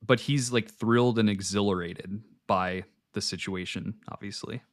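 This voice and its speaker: In a clean studio with no echo, a man co-hosting a podcast casually breaks down a film scene. He's relaxed but analytical, stumbling into filler restarts, and speaks at a moderate pace in a fairly low voice.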